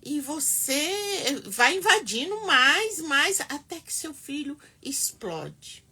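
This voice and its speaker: A middle-aged woman giving earnest, emphatic advice to mothers, with dramatic pauses. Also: sits high, very animated, bright, forceful tone. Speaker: family counselor speaking to mothers. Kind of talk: heartfelt advice talk to camera.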